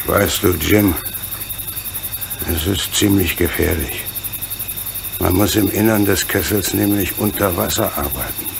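A man's voice: deep voice, a little slow, creaky, long pauses, heavily acted. A man playing a burly, kindly, fatherly locomotive engineer in a German radio play, earnest and comradely in manner. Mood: grave, worried. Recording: noisy recording with cricket chirps behind. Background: chirping crickets, night ambience.

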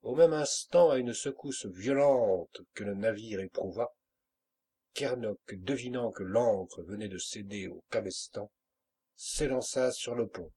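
A man narrating a classic adventure novel as an audiobook in a measured, expressive reading. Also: on the low side, breathy edge. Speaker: audiobook reader.

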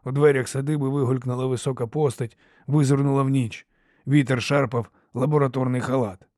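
A man's voice: medium pitch, no room sound. Man narrating an audiobook, dry. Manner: steady, measured first-person telling. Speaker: audiobook reader.

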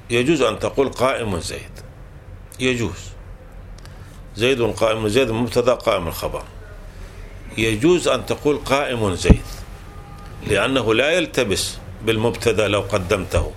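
A man with a fairly low voice teaches a classical grammar text over slight background noise. He explains patiently, restating each rule several times and making small self-corrections along the way.

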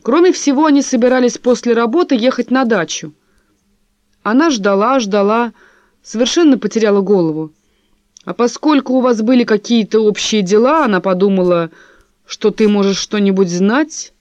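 A woman voicing a sharp-tongued wife who speaks forcefully and cuttingly. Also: a little high, normal speed, no echo, dull audio, lightly acted. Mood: indignant. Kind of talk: audiobook character voice.

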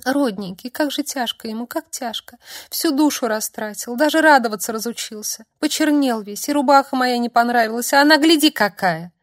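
A woman's voice: mid-range voice, animated, brisk, few pauses, natural voice. A woman voicing a simple-minded young village girl who babbles and pleads through tears in a nasal voice. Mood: tearful pleading.

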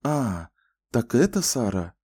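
A man voicing a gentle, soothing woman. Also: medium pitch, big pitch swings, takes it slowly, slightly rough, no echo, clean studio sound, voice pushed up, full character voice. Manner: soft, pleasant, reassuring. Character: kind, gentle grown woman soothing a child.

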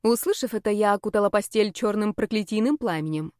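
A woman narrating a first-person audiobook in a lively, wry, expressive way. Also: medium pitch, fast talker, no echo, clean studio sound. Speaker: audiobook reader.

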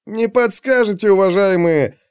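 A man's voice: high-pitched, moderate pace, a little mellow, smooth, no echo, studio quality, pitched above the performer's own voice, close to an everyday voice. A man voicing a drunk, boorish barbarian with a strong Scythian accent, slurring and scornful. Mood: drunk swagger. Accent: strong Scythian accent put on.

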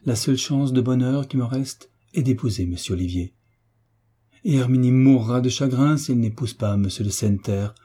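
A man's voice: medium pitch, normal speed, mellow, husky, close to an everyday voice. A man reading the part of a young orphaned heiress who pleads earnestly in a storybook reading. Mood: pleading. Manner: earnest, imploring.

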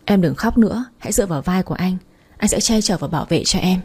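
Woman voicing a protective young man, gentle teasing manner, husky tone, mellow, read-aloud story. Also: fairly low pitch, lively intonation, fast talker. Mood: tender.

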